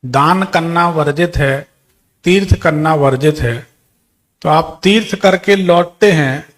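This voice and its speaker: Male astrologer, high voice, commanding and probing in a consultation. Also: takes it slowly. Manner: authoritative, questioning, predicts past events.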